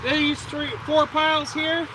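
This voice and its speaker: A man's voice: extremely high pitch, completely flat delivery, takes it slowly. A man talking in a casual, folksy, plain-spoken way as he helps run an outdoor auction. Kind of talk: casual sale announcements. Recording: very noisy outdoor recording, vehicle noise.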